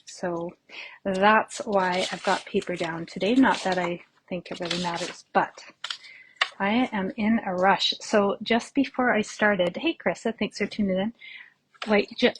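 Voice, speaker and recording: A woman's voice: medium pitch, noisy background. Chatty woman hosting a live craft class. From Canada. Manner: chatty, rambling, greets viewers by name. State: slightly out of breath. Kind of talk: casual live craft tutorial. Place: home craft room.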